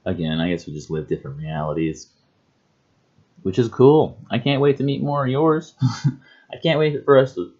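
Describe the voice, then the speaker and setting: A man's voice: medium pitch, moderate pace, long pauses, a little mellow, dull audio. A man talking to camera in a casual self-introduction vlog, rambling and musing, often breaking into chuckles. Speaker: vlogger.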